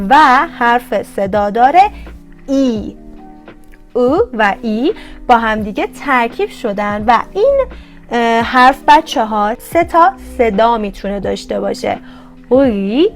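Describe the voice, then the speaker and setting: A young woman teaching a language lesson with an Iranian Persian accent, patiently repeating sounds slowly for learners. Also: on the high side.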